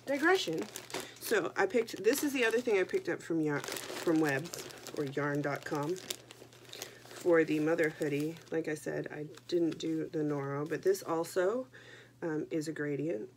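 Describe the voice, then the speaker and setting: Congested from a head cold, a young woman who hosts a knitting podcast chats to camera about her knitting at a measured pace in a low voice, with a little hiss or hum on the audio. She's chatty and self-deprecating, full of joking asides.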